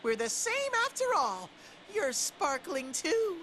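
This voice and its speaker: A man voicing a cheerful, affectionate bear mascot who talks in a bubbly, excitable way, with game music behind. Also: very high voice, takes it slowly, a little hiss or hum, heavily acted.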